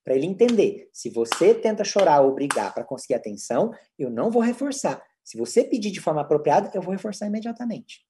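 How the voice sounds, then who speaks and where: Lively didactic Brazilian man lecturing. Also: a little high, fast, hardly any pauses, very noisy. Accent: Brazilian Portuguese. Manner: didactic, asks and answers own rhetorical questions. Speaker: psychologist lecturer.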